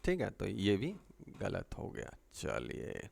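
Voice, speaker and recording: A man teaching English grammar, reading each example sentence slowly in Indian-accented English and explaining in Hindi, checking in with "है ना". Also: low voice, huge pitch swings, gravelly, a little mellow. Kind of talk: bilingual grammar lesson.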